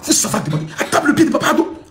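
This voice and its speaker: A man, hosting a mocking live-stream monologue, often shouting and acting out other voices. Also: extremely high pitch, very animated, very fast, reverberant, a little hiss or hum.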